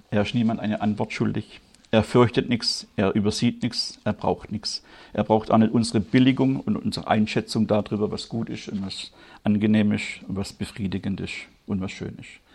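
A German-speaking man preaching a sermon, moving from quiet, measured delivery to loud, high, emphatic passages. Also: steady tone, creaky, breathy edge. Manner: grows loud and high-pitched when stirred, slow emphatic stresses.

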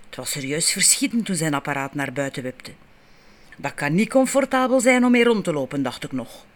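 A Flemish woman narrates a first-person audiobook. Her storytelling is frank and wry, intimate and unhurried in tone. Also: deep voice, animated.

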